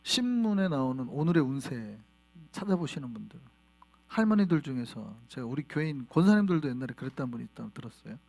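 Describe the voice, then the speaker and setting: A male pastor preaching a sermon in a church, animated and quizzing the congregation with questions. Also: mid-range voice, fast, creaky. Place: church sanctuary.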